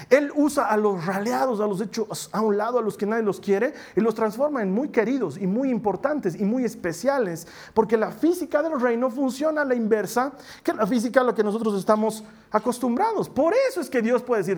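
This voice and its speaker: A man preaching a conversational sermon, telling humorous personal stories and slowing down to stress key points. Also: very high-pitched. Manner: humorous, storytelling, slows for emphasis.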